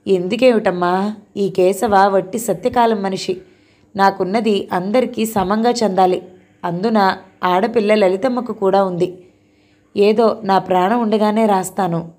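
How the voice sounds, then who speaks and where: A woman voicing an ailing elderly father who speaks slowly and tenderly to his daughter. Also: medium pitch, steady tone, darkish tone, lightly acted.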